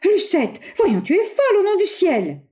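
A woman voicing a flustered young man who shouts and pleads in a high, strained voice. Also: sing-song, normal speed. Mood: pleading. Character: flustered young male suitor caught out.

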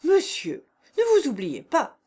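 A woman's voice: mid-range voice, big pitch swings, slow pace, a little mellow, slightly rough, full character voice. A woman reading aloud and voicing a pompous, indignant old general who insists on his honor. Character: stiff proud old general, dead man.

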